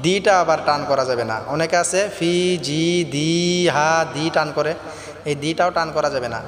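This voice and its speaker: A man teaching Quran recitation, chanting verses slowly and melodically, then explaining each sound in plain speech. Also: a little high, fairly bright tone. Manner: slow drawn-out melodic chanting between plain spoken explanations. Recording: echoey hall with faint music.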